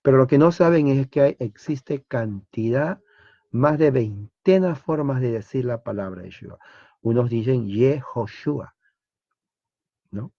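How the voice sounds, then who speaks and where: A man's voice: mid-range voice, animated, unhurried, no room sound. A man teaching a theology lecture as a Bible teacher, emphatic and full of rhetorical questions, on a dull lo-fi recording.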